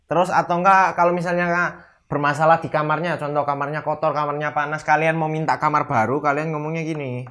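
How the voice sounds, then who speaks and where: A young man giving a casual language lesson, chatting and acting out sample complaints to a hotel desk, and slowing down to say each foreign phrase. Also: a little high, flat delivery, a bit bright. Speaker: language teacher.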